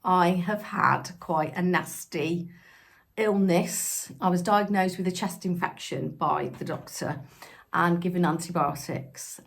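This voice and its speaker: A woman's voice: fairly low pitch, creaky. A woman in her fifties talking to camera in a chatty, reflective way, with ums, her voice still recovering after an illness. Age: 50s. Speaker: lifestyle vlogger. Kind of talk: casual direct-to-camera talk.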